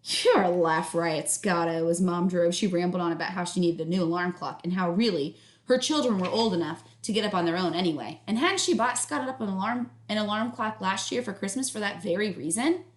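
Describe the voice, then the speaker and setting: A woman with a mid-range voice narrates a story to young listeners like a teacher, breaking off to explain and to ask questions that test understanding. She affirms the answers she gets, and the recording has an echoey room sound.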